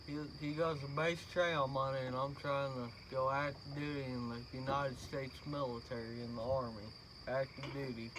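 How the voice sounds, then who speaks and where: A man's voice: medium pitch, little pitch movement, moderate pace. A man in his early twenties with chewing tobacco in his lip, chatting casually, profanely and bluntly about products. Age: early 20s. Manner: blunt, emphatic, opinionated. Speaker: amateur product reviewer. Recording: noisy amateur recording, insect-like ambience.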